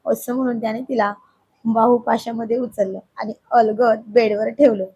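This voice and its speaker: A hoarse woman with a husky voice narrating a romantic family story in a soft, unhurried way. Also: on the high side, flat delivery.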